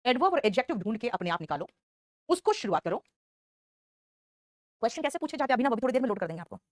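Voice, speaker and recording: A woman with an Indian accent teaching English grammar in an online class. She explains step by step, slowly repeats the example sentences and praises students by name. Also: fairly high pitch, very animated, no echo, studio quality.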